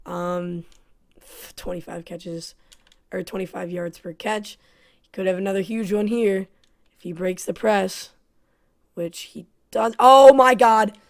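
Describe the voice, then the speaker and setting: A woman's voice: on the low side, fairly even intonation, measured pace, gravelly, long pauses, a little mellow. A woman giving play-by-play commentary on her own football video game, frustrated and self-critical. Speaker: gaming YouTuber.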